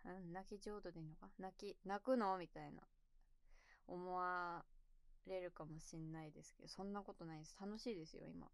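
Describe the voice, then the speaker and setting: A young woman chatting casually while a little tipsy. She answers viewer questions and rambles, giggles, and trails off into mumbles. She calls her natural voice low. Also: fairly even intonation, fairly quick, creaky, dry recording. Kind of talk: casual chat. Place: at home, sitting on the floor.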